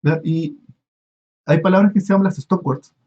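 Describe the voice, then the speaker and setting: Guy lecturing on a muffled online call, lots of eh and restarts, slightly high voice. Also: darkish tone, husky. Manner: halting, many restarts and fillers, asks students questions. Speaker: university lecturer.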